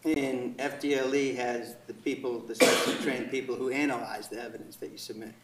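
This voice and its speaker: A man's voice: mid-range voice, steady tone, fairly quick, a bit bright, a little hiss or hum. A man working as an attorney, putting methodical, formal questions to a witness in courtroom direct examination. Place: indoor courtroom. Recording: echoey courtroom, distant microphone.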